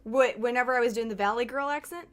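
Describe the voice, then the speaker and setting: Gal chatting on her game stream, kinda high voice, laughs a lot, swears casually. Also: fast talker. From Texas. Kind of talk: casual live-stream chat.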